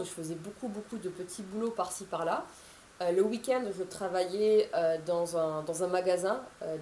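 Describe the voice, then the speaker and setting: A woman's voice: mid-range voice, a little mellow, echoey room, slight background noise. A woman in her thirties, an author, chatting to camera in a casual, rambling way with many fillers and restarts. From France. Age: 30s.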